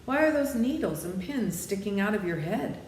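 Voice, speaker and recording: A woman's voice: medium pitch, lively intonation, moderate pace, darkish tone, pitched above the performer's own voice, lightly acted. Woman voicing an eager Tin Woodman, roomy echo. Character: earnest, happy, grateful tin man. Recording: roomy echo, background noise.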